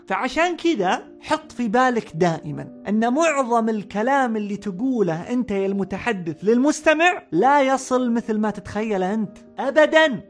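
A man with a Saudi accent summarizing a book in a lively, emphatic way, talking straight to the listener as a friend. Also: extremely high pitch. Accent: Saudi Arabic. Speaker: book explainer. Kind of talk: animated book summary talk.

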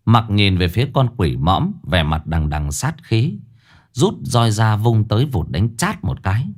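Animated low-voiced male storyteller. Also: a little slow. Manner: animated, expressive. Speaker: ghost story narrator. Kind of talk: storytelling narration.

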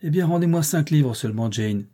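A man reading a brusque teasing gentleman. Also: a little high, animated, a little fast, voice pushed up. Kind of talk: audiobook reading.

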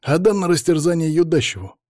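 A man voicing a stern, gruff male boss who barks threats at his team. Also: a little high, animated, a little fast, a little mellow, no echo, studio quality, pitched above the performer's own voice. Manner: barking, threatening.

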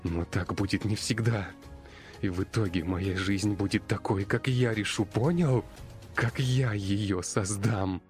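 A man's voice: lowish voice, unhurried, faint music behind, lightly acted. A man voicing a cornered teenage half-elf boy who talks in a strained, tearful, defiant way. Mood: tearful defiance.

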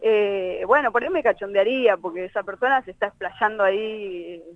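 A woman's voice: mid-range voice, fairly quick, no room sound. A woman with a Rioplatense Argentine accent, a guest musician telling a rambling story over the phone with lots of filler phrases. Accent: Rioplatense Argentine Spanish. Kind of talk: anecdotal phone interview. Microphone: telephone line. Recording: dull lo-fi phone line.

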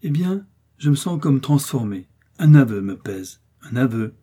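A man reading aloud and playing a bold young swordsman, gallant and teasing, in a husky, dark voice. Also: medium pitch, big pitch swings, a little slow. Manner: gallant, mocking confidence.

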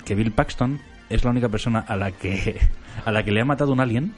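Dude cohost, kinda halting and playful, faint music under him. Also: male voice, lowish voice. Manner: playful, hesitant, full of restarts. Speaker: podcast co-host. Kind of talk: casual chat.

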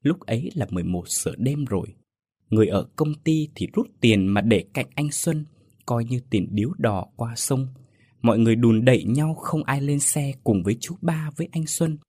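Husky man telling a ghost story. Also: medium pitch, expressive, normal speed, warm tone, no room sound.

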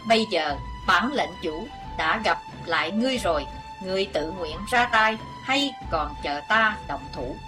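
A woman's voice: fairly low pitch, expressive, unhurried, hardly any pauses, over music. A woman reading the taunting lines of a bold young male martial arts hero in a storybook tale. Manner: taunting, commanding.

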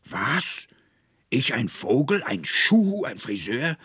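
A man voicing a choleric older male schoolmaster, who shrieks higher and higher as his rage mounts, in a read-aloud story. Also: sing-song, slow pace, a bit bright, slightly rough, no echo, clean studio sound, full character voice. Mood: outraged.

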